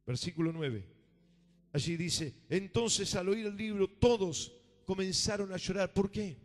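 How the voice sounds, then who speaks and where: A high-voiced man preaches a fervent sermon from the pulpit. He pushes lines out loudly, then drops to a near hush, and keeps calling the room for an amen. His voice carries with a long church-hall reverb. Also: a little slow. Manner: emphatic preaching, calls for amen, swings between loud and hushed. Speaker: pastor. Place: church sanctuary.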